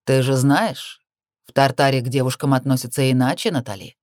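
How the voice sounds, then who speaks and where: A woman's voice: extremely low pitch, brisk, darkish tone, dry recording, clean studio sound. A woman voicing a sly, teasing male demon.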